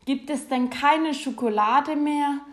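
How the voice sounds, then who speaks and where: A woman's voice: sits high, slow, fairly bright tone, voice pushed up. A woman voicing a greedy, impatient young reindeer who craves chocolate, in an eager, whiny way.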